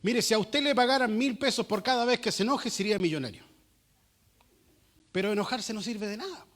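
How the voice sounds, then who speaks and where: Chilean male pastor, high-pitched, animated sermon delivery with acted-out dialogue. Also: fairly quick. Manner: animated preaching with acted-out quotes.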